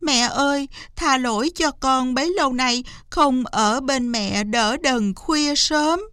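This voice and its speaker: A woman's voice: sits high, slow pace, fairly bright tone, smooth, dry recording, clean studio sound. A woman voicing a devoted youngest daughter who speaks anxious and heartfelt in a storybook tale. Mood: tearful.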